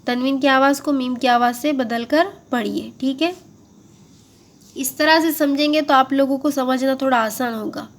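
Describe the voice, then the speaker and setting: A woman teaching Quran recitation in a patient, step-by-step tajweed lesson, drawing out words slowly as models and then explaining them. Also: high-pitched. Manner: slow, drawn-out model recitation between explanations; patient, repeats and checks understanding.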